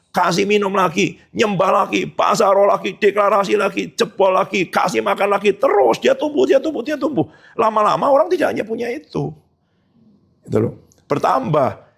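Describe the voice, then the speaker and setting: Gravelly-voiced preaching man. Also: a bit bright. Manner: conversational preaching with rising emphatic pitch and quoted dialogue. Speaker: pastor. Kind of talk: sermon.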